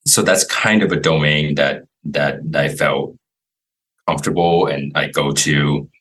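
A man from Taiwan with a very deep, husky voice that still has a bright, forceful edge. He tells his story as an interview guest, relaxed and rambling, with many fillers. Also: measured pace, low-quality recording. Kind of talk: casual interview.

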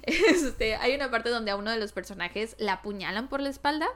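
Casual podcast co-host: young woman, Mexican accent, slightly high voice, slangy Spanish peppered with English. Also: lively intonation, a little fast, fairly bright tone. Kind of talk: casual chat.

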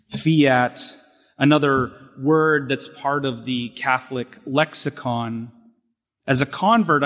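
A man serving as deacon, reading the gospel and preaching in a slow, measured way, with his voice echoing through a church. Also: mid-range voice. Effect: cathedral-like church echo. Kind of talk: liturgical gospel reading and homily. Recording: long reverb in a church.

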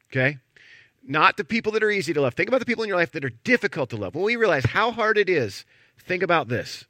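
A middle-aged man preaching a sermon as pastor, telling a story in a chatty, animated way. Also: a little high, no room sound, clean studio sound. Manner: conversational storytelling with animated emphasis.

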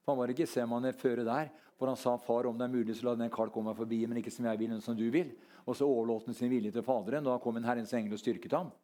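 Man preaching, rambling with fillers, fervent surges, mid-pitched voice. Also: fairly even intonation. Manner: rambling, halting with many fillers, rising to shouted fervor. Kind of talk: sermon.

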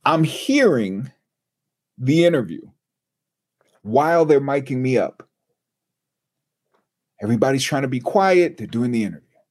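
A man with a husky, breathy voice and a mid-range pitch tells a story as an interview guest. He keeps it animated, acting out the people he quotes as he goes. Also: measured pace, pauses often. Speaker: guest, TV and radio personality.

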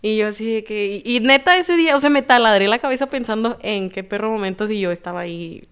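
A woman with a Mexican accent, a podcast guest telling her own story in a lively way and acting out the dialogue. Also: mid-range voice, fast talker, clear, resonant tone. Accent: Mexican Spanish. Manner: animated, acts out quoted dialogue.

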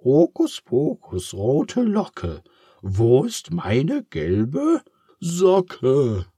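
A man voicing a forgetful, muddled male wizard who chants his spells slowly, in a storybook reading. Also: fairly low pitch, animated, a little mellow, breathy edge, dry recording, studio quality, exaggerated voice. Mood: chanting.

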